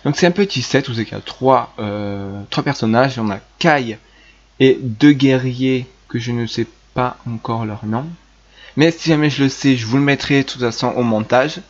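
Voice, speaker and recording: A man's voice: medium pitch, moderate pace, muffled recording. A man talking casually to his viewers about toy sets, with many hesitations and restarts. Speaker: YouTuber presenting toy news. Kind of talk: casual unscripted video chat.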